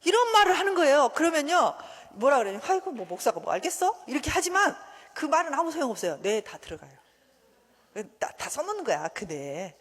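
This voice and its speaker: A woman's voice: sits high, a little fast. A woman giving a church seminar lecture, talking animatedly and acting out bits of dialogue. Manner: animated, acts out quoted dialogue. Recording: long hall reverb.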